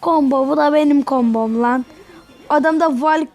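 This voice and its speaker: A woman giving live commentary over her own mobile game, excitable and yelling at her opponent. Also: high voice, moderate pace.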